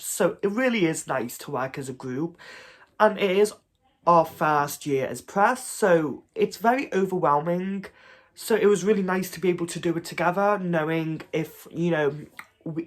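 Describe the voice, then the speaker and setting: A man chatting to camera on his vlog channel, gushing and laughing often as he talks. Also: high-pitched. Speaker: YouTuber. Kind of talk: casual vlog chat to camera.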